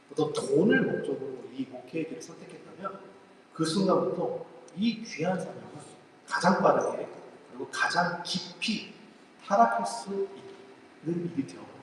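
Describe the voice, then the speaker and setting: A man preaching a sermon in a church sanctuary, earnest and reflective, letting phrases fall soft and slowing down for emphasis. His voice sits a little high for a man and rings out in a big, echoing hall. He sounds a bit far from the mic, with faint room noise underneath. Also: animated. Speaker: pastor. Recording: roomy hall echo, mic at a distance.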